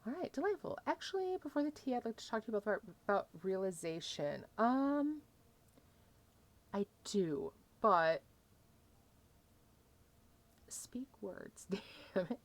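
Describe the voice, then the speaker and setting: A woman doing casual let's-play commentary, reading choices aloud and thinking out loud. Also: medium pitch, sing-song, normal speed. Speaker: gaming streamer playing a dating game.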